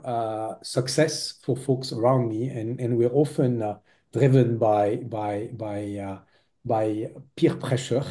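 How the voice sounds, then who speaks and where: Man from Lebanon, forties, very dark mellow tone, halting speech full of fillers, interview guest. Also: medium pitch. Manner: hesitant, many filler sounds. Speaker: podcast guest. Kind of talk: interview conversation.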